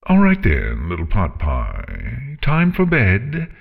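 A man's voice: lowish voice, wildly swooping pitch, takes it slowly, vocal fry, slightly rough, narrow, tinny audio, full character voice. A man voicing a grumpy, haughty female dragon who makes mock threats in a storybook reading. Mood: mock-threatening.

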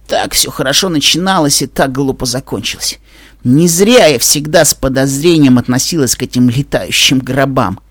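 A man reading a story aloud and voicing a brash, tomboyish young female pegasus pony who scoffs loudly in dramatic outbursts. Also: medium pitch, moderate pace, no room sound, studio quality, close to an everyday voice. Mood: grumbling. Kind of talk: audiobook character voice.

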